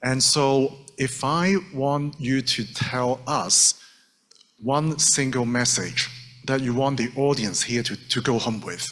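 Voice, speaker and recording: A man moderates a panel discussion, politely handing the floor to each speaker. His voice sits at a middle pitch. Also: slow, a bit bright. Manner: polite, brief.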